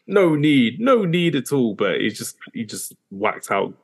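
A man co-hosting a football podcast, quick and emphatic, given to friendly teasing. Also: mid-range voice, big pitch swings, creaky, slightly rough. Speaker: podcast co-host. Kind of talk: casual football chat.

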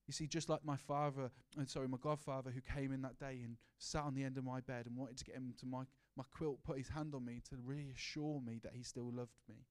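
A man's voice: mid-range voice, flat delivery, fairly quick, hardly any pauses, darkish tone. Earnest man preaching a sermon. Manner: earnest, personal, with many restarts and rhetorical questions.

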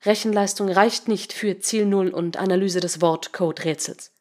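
A woman reading a story voices a rogue computer program in a flat, slow, mechanical way. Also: mid-range voice, close to an everyday voice.

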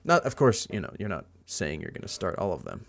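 A man's voice: low-pitched, wildly swooping pitch, a little fast, gravelly, a bit bright. A man co-hosting a podcast in casual chat, rambling enthusiastically with lots of fillers. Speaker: podcast co-host.

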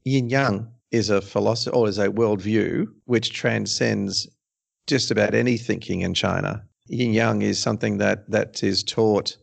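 Male podcast co-host, deep-leaning voice full of vocal fry, deliberate explanatory delivery. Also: steady tone.

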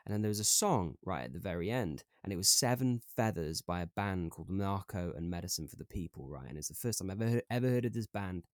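A young man with a Welsh accent and a lowish voice talks openly about his own life on a podcast. He speaks reflectively, dotted with "like" fillers and stumbling restarts. The sound is dry and close. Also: no room sound. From Wales. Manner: reflective and open, many "like" fillers, halting restarts. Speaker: podcast guest. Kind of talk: candid conversational storytelling.

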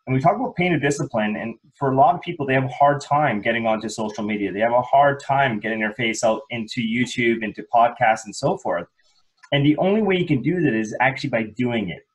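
A man's voice: mid-range voice, lively intonation, fast, rough recording. Upbeat chatty male podcast host. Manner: upbeat, chatty, frequent restarts. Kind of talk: casual interview chat.

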